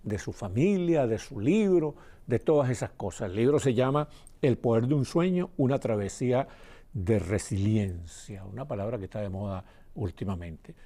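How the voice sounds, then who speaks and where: A man hosting a television interview, introducing his guest and prompting her with lively questions. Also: mid-range voice, moderate pace. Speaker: TV host.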